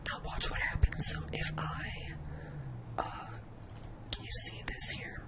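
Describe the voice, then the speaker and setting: At a measured pace, a whispering voice walks through an informal spreadsheet tutorial in ASMR style, musing aloud while showing every step.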